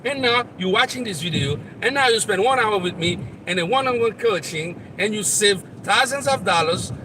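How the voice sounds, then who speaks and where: A Haitian man with a high voice and a Haitian accent gives a live motivational talk. He speaks straight to the listener and repeats his points earnestly. He sounds distant from the mic, over loud traffic outdoors. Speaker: motivational coach and channel host. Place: outdoors near traffic, on the road.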